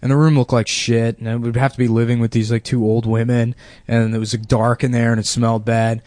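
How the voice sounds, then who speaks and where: A man's voice: medium pitch, level tone, fairly quick, a little mellow, dry recording, clean studio sound. A young adult man rambling through a casual comedic story on a podcast, with lots of fillers. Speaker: podcast co-host.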